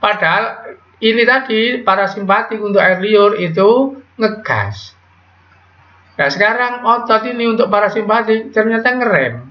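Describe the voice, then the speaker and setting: A man teaching biology to a class, quizzing students with quick call-and-response questions in a casual manner. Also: sits high, animated. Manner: casual, with Javanese slang words. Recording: echoey, dull lo-fi classroom audio.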